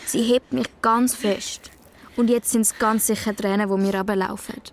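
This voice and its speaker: A young actress with a Swiss accent playing a troubled schoolgirl, quietly narrating a radio play in the first person. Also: medium pitch, fairly even intonation, normal speed, slight background noise, natural voice. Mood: sad. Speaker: narrator and main character.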